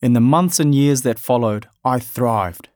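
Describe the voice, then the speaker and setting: A man from Afghanistan narrating his family's story in a measured, reflective way. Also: medium pitch, a little mellow, no room sound, studio quality.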